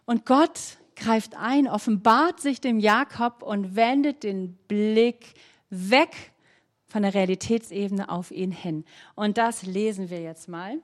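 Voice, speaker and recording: A woman preaching a sermon, earnest, asking her listeners questions and reading scripture slowly with emphasis. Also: mid-range voice.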